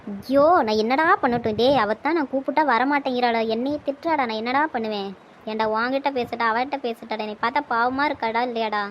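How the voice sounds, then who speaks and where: A woman voicing a sharp-tongued young village woman in a cartoon, complaining and scolding. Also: a little high, fast, a little hiss or hum, lightly acted, poor audio. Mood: exasperated. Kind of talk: dubbed cartoon dialogue.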